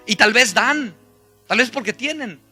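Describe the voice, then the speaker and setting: A man from Guatemala with a Guatemalan Spanish accent, a pastor preaching a sermon and telling his own testimony, rising into loud fervent preaching. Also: very high voice, expressive, measured pace, faint music behind.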